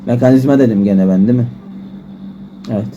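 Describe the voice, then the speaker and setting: A man giving frustrated gameplay commentary, swearing and shouting at the game. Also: medium pitch, fairly quick, dull audio, a little hiss or hum. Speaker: gaming YouTuber. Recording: music loud behind voice.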